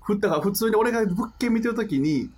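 A man with a Kansai accent, co-hosting a casual podcast chat and telling a story in a relaxed, animated way. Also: high-pitched, fast talker, background noise. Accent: Kansai Japanese. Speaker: podcast co-host.

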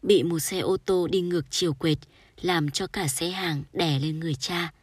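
A woman reading a sorrowful short story aloud in a soft, storytelling manner. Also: on the low side, moderate pace, husky, dry recording, studio quality. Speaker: audiobook narrator. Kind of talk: scripted literary narration.

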